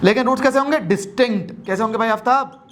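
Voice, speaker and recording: A man's voice: very high voice, quick pace, a bit bright. A male math teacher giving a classroom lecture, constantly asking his students questions and mixing Hindi with English.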